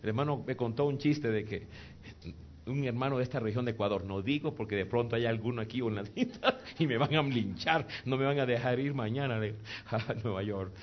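A man preaching a sermon to a congregation in a church, emphatic and joking, swinging between shouts and soft, intimate passages. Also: medium pitch. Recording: dull lo-fi sound with faint noise.

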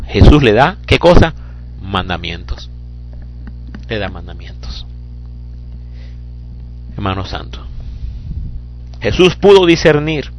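Impassioned male preacher, animated pitch. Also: low-quality recording. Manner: preaching with rising emphatic bursts and hushed drops. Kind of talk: sermon.

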